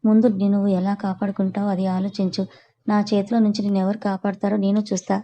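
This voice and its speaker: A woman's voice: medium pitch, little pitch movement, very fast, dark tone, lo-fi sound, slight background noise, lightly acted. A woman voicing an angry young husband who fiercely protects his wife, talking in a harsh, scolding way. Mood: threatening.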